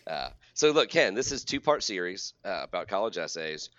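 A man's voice: sits low, very animated, moderate pace, fairly bright tone, highs cut off, slight background noise. A man co-hosting a podcast in a casual, upbeat and joking way. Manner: upbeat, jokey. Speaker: podcast co-host.

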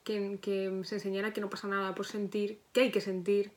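A woman's voice: medium pitch, little pitch movement, fairly quick. Chatty young woman psychologist. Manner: chatty, reflective, self-correcting. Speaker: psychologist guest. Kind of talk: casual podcast interview.

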